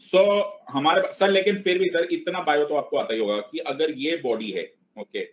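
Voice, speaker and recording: Playful teacher, slightly lo-fi sound. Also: male voice, on the high side, normal speed. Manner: playful, mixes Hindi and English, keeps checking understanding. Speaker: online civics teacher. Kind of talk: live class lecture.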